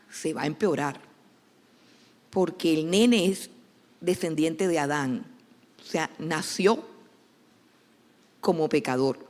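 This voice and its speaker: A woman pastor delivers a sermon. She speaks emphatically and repeats key lines to drive them home. Her voice carries a long echo, as if recorded in a large church hall. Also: on the low side.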